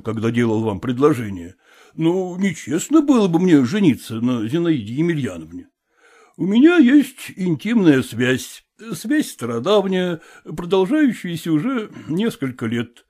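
A man's voice: a little high, a little mellow. A man voicing a courteous, soothing professor. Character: polite, composed male professor.

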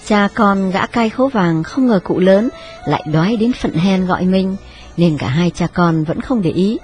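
Một người phụ nữ kể truyện đọc, giọng đều đặn, giọng miền Trung. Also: female voice, mid-range voice, a little slow, darkish tone, faint music behind. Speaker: narrator. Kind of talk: audiobook narration.

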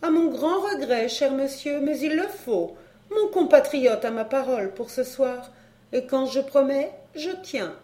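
A woman's voice: sits high, a little slow, warm tone, pitched above the performer's own voice. A haughty foreign countess speaks in a cool, lifted, airy voice, as a woman narrator puts her on. She sounds poised and a little mocking. The reading has a roomy echo.

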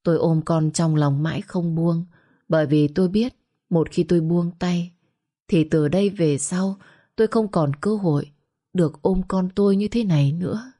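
A woman with a low, dark, mellow voice tells a grieving first-person story. Her delivery is heavy with sorrow and drama, the steady pull of a serialized audio tale. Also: normal speed.

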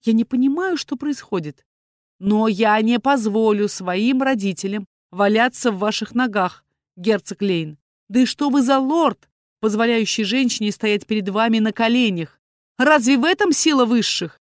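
A woman's voice: medium pitch, normal speed, a little mellow, dry recording, close to an everyday voice. A woman voicing a proud young woman who angrily defends her parents before a dragon lord, in a dry audiobook reading. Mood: furious. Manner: indignant, proud, raised voice.

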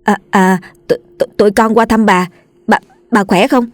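A woman's voice: medium pitch, lively intonation, moderate pace, a little mellow, no room sound, faint music behind, lightly acted. A woman voicing a frightened young village woman who stammers and trembles as she speaks.

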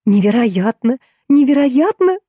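A woman's voice: medium pitch, animated, fairly quick, mellow, slightly rough, no room sound, studio quality. A woman voicing an eager, chatty female tour guide in an audiobook, talking earnestly and bursting into breathless exclamations. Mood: awed.

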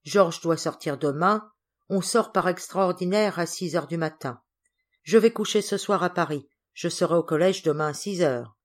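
A woman voicing a stern middle-aged uncle who speaks in a curt, measured way in a storybook reading. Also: fairly low pitch, lightly acted.

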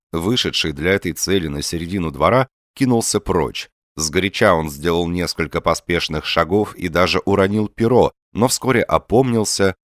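A man narrating satirical prose in an audiobook reading with a wry, expressive delivery. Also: sits low, no echo, clean studio sound.

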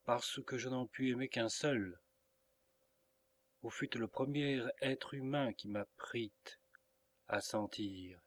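A man's voice: mid-range voice, slow pace, long pauses, natural voice. A man reading the lines of an earnest young woman in love, in a pleading, emotional audiobook reading. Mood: tender.

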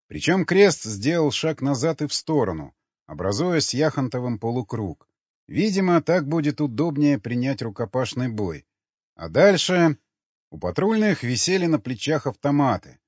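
A man narrating an audiobook in an expressive storytelling manner. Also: medium pitch, dry recording. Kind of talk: scripted narration. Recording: dry, dull lo-fi sound.

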